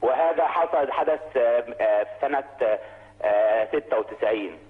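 An Egyptian-accented man phones in to a broadcast, his voice thin and squeezed through a tinny phone line. He speaks at a middling pitch, haltingly, stopping and restarting as he works his way toward a question. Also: soft background music. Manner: hesitant, many fillers and restarts. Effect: heard over the phone. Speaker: caller. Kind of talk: call-in question to a TV program.

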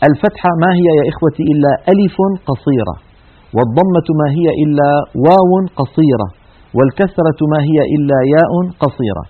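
A man's voice: on the high side, lively intonation, quick pace, breathy edge. A man teaching a broadcast lesson on Quran recitation, explaining vowel sounds and demonstrating them by drawing them out. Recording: tinny phone-like broadcast audio.

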